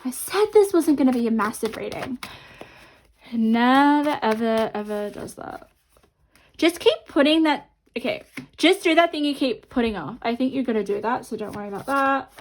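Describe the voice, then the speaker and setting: A woman's voice: high-pitched, animated, moderate pace. A woman giving a chatty intuitive tarot reading to viewers while her mouth is half numb from the dentist. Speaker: tarot card reader and host.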